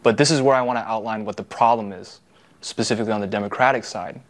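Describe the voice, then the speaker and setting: A young man, a student panelist, making measured points in a panel discussion. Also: fairly low pitch, steady tone.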